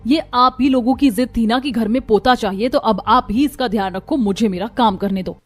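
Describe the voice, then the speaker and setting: एक महिला एक कार्टून कहानी में एक घमंडी, लापरवाह युवा माँ की आवाज़ दे रही है, तीखे और टालने वाले अंदाज़ में।. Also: female voice, a little high, moderate pace, close to an everyday voice. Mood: haughty. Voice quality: sharp, dismissive. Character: arrogant young modern wife, careless mother. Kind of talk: Hindi cartoon voice acting. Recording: light music behind voice.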